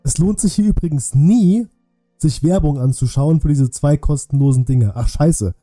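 This streamer has a fairly high voice with a dark tone, speaking at a moderate pace with no room sound. He chats casually to viewers as he commentates a game live from his indoor setup, musing aloud while game music plays faintly behind.

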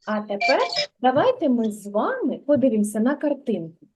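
High-voiced teacher coaching small kids. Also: female voice, big pitch swings, a little mellow. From Ukraine. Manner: slow, clear, sounding out letters for small children. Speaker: kindergarten teacher. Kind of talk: literacy lesson for preschool children. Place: kindergarten classroom.

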